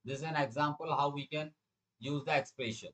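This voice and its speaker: In a rough recording of a live online programming class, a middle-aged Indian-accented teacher walks through quiz questions, repeating phrases to stress them and quizzing his students. He speaks fairly quickly in a fairly high, fairly bright voice with a steady tone.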